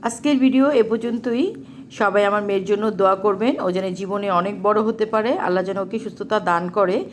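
A woman's voice: mid-range voice, normal speed, a little hiss or hum. A middle-aged mother with a Bangladeshi Bengali accent, narrating her family vlog in a homely, chatty way and talking straight to her viewers. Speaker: vlogger, mother.

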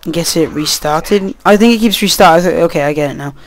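A tired young man talks through a shooter match in a slightly high voice, rambling and easily sidetracked, cursing whenever the game goes wrong. He is recorded at home on a computer mic with a faint hiss underneath. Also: fairly quick. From Wales. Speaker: gameplay commentator. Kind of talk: casual gameplay commentary.

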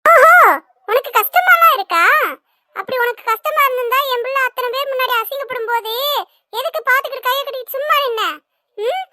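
Performer voicing a cartoon mother, very high-pitched, bright and piercing, harsh and scornful, dry sound. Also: a little fast, no echo, heavily acted. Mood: bitter. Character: angry scolding mother of a young man. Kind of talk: cartoon voice acting.

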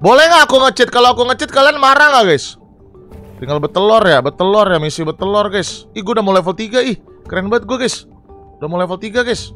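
A young man, streaming live gameplay commentary, excitable and always talking to his viewers. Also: high voice, fast talker, soft background music. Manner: excitable, talks to viewers constantly, swings between fright and irritation. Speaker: game streamer.

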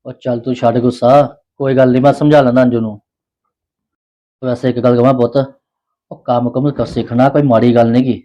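A man playing a soothing soft-hearted husband. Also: medium pitch, flat delivery, brisk, highs cut off, natural voice. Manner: soothing, placating. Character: soft-hearted placating husband and elder brother.

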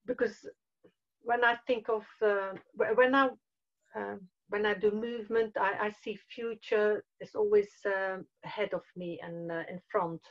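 Speaking a little slowly in a steady, medium-pitched voice, this fifties-aged woman is a participant in a video call. She gropes for words while hesitantly sharing her thoughts in casual chat from a small room at home, and the call audio sounds dull and lo-fi.

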